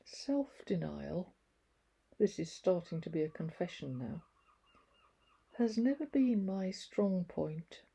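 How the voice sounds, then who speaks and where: A woman reads her own reflective book in a gentle, confiding voice with a wry touch. The delivery is slow, and her tone is dark and mellow, with a husky, gravelly grain. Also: lowish voice, expressive. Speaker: author reading her book. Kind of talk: reflective first-person devotional reading.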